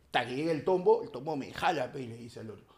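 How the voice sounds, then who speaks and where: Lively Peruvian man telling a story. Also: medium pitch, quick pace, roomy sound. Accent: Peruvian Spanish. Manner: animated, slangy, acts out voices in his anecdotes. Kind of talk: casual comedic storytelling.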